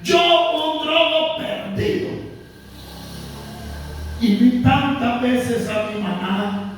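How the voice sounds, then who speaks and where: A man preaching a sermon as pastor, impassioned and shifting into quiet personal storytelling. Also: very high-pitched, very slow, a little hiss or hum. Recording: echoey hall, distant mic.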